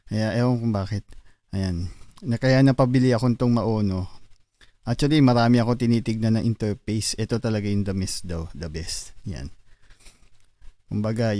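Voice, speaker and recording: A man's voice: fairly low pitch, a little mellow, no echo. A man chatting casually through an unboxing vlog, thinking aloud and testing his mic with repeated hellos. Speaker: vlogger. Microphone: studio mic through mixer.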